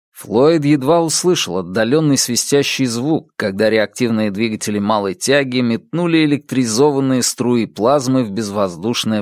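Male audiobook narrator, mid pitch, lively delivery, dry close sound. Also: dry recording. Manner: expressive, measured reading. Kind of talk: scripted narration.

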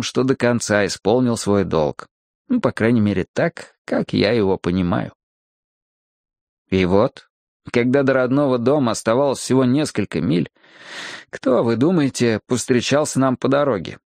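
Lively wry male storyteller. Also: medium pitch, dry recording, clean studio sound. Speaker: narrator. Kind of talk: humorous audiobook narration.

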